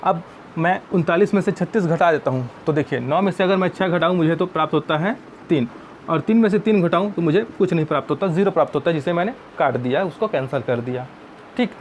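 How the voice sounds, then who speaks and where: A man's voice: fairly high pitch, fast, a little hiss or hum. A man teaching math, explaining each step patiently and often calling viewers friends.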